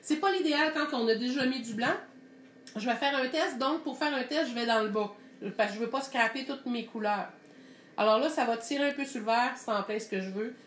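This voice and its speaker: A woman's voice: on the high side, brisk, a bit bright, echoey room, slight background noise. A woman with a Québécois French accent teaching a live painting lesson, thinking aloud in a chatty way as she mixes colors.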